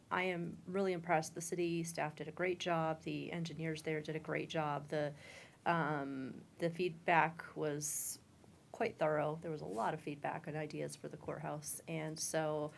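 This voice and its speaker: Low, gravelly, upbeat councilwoman. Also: slight background noise. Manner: upbeat and appreciative, with ums. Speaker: city councilor. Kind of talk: council meeting report.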